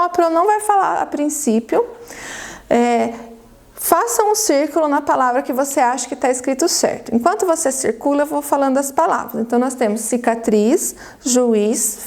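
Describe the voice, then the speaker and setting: A Brazilian Portuguese woman teaching a primary school class on video, dictating words slowly and cheering the children on. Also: sits high, darkish tone. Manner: slow, drawn-out word dictation with encouraging prompts. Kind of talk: recorded video lesson for children.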